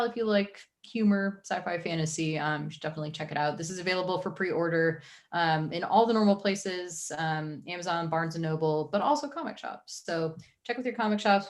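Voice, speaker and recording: A woman hosting a live stream, chatting casually through new releases with many fillers and restarts. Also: deep voice.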